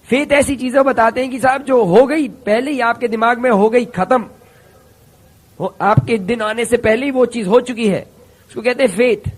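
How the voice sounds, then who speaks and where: A middle-aged man from India giving a lively motivational stage talk, speaking in short punchy phrases and asking the audience rhetorical questions. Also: very high voice, moderate pace. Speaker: business seminar speaker.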